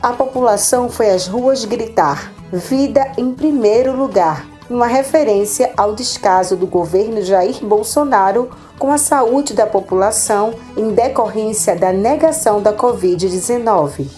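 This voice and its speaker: A woman with a Pernambuco Brazilian accent hosts a podcast, reading her script in a steady way. Her tone is mellow and even, with faint music beneath. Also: fairly high pitch, measured pace, hardly any pauses. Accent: Pernambuco Brazilian Portuguese. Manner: steady, read-aloud delivery. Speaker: podcast host.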